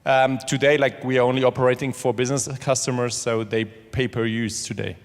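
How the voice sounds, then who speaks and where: Man, flat monotone, hesitant, hall reverb. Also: mid-range voice, brisk. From Germany. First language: German. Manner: hesitant, restarts, many fillers. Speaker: panelist, company CEO. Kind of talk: halting panel answers. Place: large conference hall.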